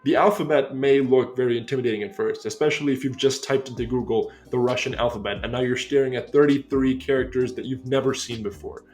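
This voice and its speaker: A young American man in his twenties hosting a language-learning video, giving an upbeat scripted explainer and slowing down to stress key points. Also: mid-range voice, fairly even intonation, darkish tone, soft background music. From United States.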